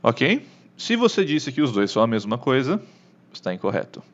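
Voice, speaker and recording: A man with a Brazilian Portuguese accent teaching an English lesson online, animated, often checking in with the listener. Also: mid-range voice, moderate pace, dull audio.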